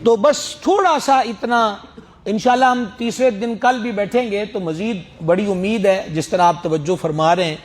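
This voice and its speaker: Male religious teacher, high voice; slow chanted letter drills, teasing asides. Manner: friendly teasing asides to students. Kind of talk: Quran recitation lesson.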